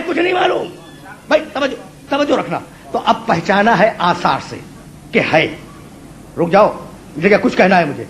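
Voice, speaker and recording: A man preaching an impassioned sermon to a gathered audience, repeating his phrases, calling his listeners brother and building to shouted peaks. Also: high voice, vocal fry, a little hiss or hum. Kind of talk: impassioned Urdu sermon storytelling. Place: religious gathering before a live audience.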